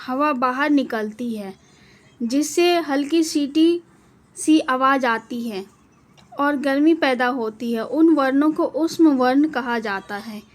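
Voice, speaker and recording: A woman giving a Hindi grammar lesson, spelling out each letter slowly and deliberately. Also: high-pitched. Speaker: teacher.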